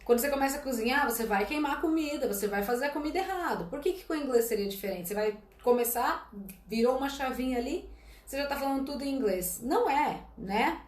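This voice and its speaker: A woman's voice: sits high, lively intonation, fast. Emphatic Brazilian woman in an echoey room. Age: late 20s. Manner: direct, emphatic, frequently checks in with "tá?" and "gente". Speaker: English teacher and former flight attendant giving career advice. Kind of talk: live-stream Q&A talk.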